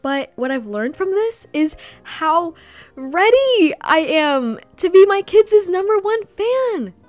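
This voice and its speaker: A young woman hosts a personal podcast, speaking about growing up in a very high voice with big pitch swings, taking it slowly. Vietnamese is her first language, and she sounds earnest and soft-spoken before breaking into giggles at the end. The recording has no echo and soft background music.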